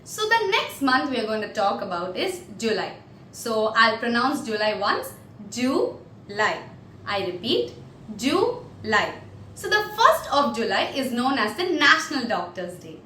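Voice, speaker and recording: High, lively woman teaching. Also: reverberant, a little hiss or hum. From India. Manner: repeats each word slowly and clearly for learners. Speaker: English teacher. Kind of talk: spoken English lesson.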